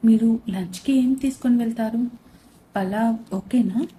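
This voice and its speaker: Woman voicing an innocent, gentle young wife. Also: fairly high pitch, unhurried, slight background noise, lightly acted. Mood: puzzled.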